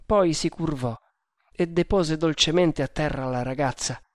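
A man reading an adventure novel aloud as audiobook narrator, in a measured, dramatic manner. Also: a little high, no echo, studio quality.

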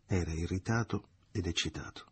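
A man narrating a literary novel as an audiobook in a measured, expressive reading. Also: low-pitched, husky.

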